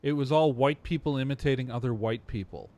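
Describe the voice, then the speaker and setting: A man in a relaxed panel podcast, talking things through in a rambling, halting way. His voice sits at an ordinary middle pitch, and he keeps restarting and circling back mid-thought. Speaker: podcast co-host. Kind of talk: casual panel chat.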